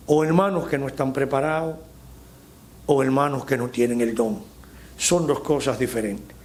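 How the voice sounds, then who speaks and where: Slow, emphatic Dominican preacher man. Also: on the high side. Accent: Dominican Spanish. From Dominican Republic. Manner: emphatic preaching, slowing and rising on key phrases. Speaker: pastor. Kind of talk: sermon.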